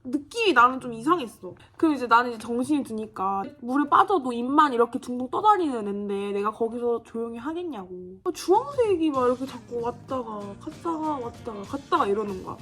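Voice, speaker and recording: A woman's voice: a little high, brisk, hardly any pauses, faint music behind. Chatty young woman telling a funny story. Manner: chatty, animated, acts out quoted voices with laughter. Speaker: vlogger. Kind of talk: casual storytelling while doing makeup.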